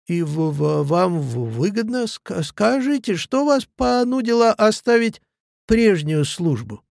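A man's voice: high voice, big pitch swings, measured pace, gravelly, darkish tone, no room sound, clean studio sound, pitched above the performer's own voice, heavily acted. A man reading the lines of a smug young officer who talks down with patronizing, mock sympathy. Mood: condescending.

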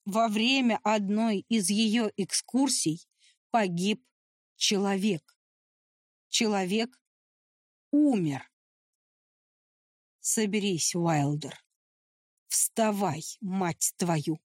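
A woman reading a tense adventure novel as an audiobook narrator, in steady storytelling. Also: mid-range voice, extremely slow, pauses often, no echo, clean studio sound.

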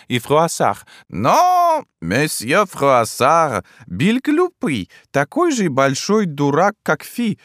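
A man's voice: fairly bright tone, dry recording, clean studio sound, heavily acted. A man voicing an indignant eighty-two-year-old Frenchwoman who speaks broken, foreign-sounding grammar. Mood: scornful. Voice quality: high, shrill.

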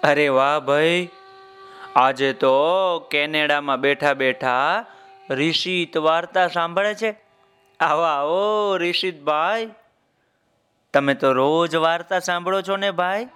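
A man telling a folk tale to children, speaking directly to the young listeners in drawn-out sing-song phrases. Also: a little high, pushed and bright, clear, resonant tone. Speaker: children's storyteller. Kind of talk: children's story narration.

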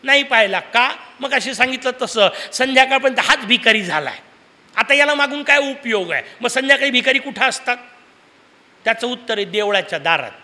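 High bright guy preaching, lots of questions to the crowd, big echoey hall. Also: fairly quick. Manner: lively storytelling with rhetorical questions to the audience. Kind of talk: devotional discourse. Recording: long hall reverb.

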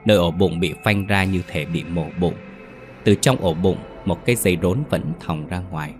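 Male storyteller, very low voice, reads ghost stories and does all the voices. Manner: voices every character himself.

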